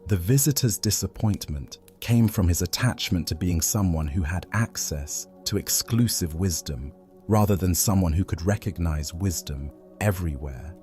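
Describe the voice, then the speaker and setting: A man calmly narrating Buddhist teachings and stories as a soothing, scripted sleep narration. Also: deep voice, faint music behind. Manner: calm, measured, soothing.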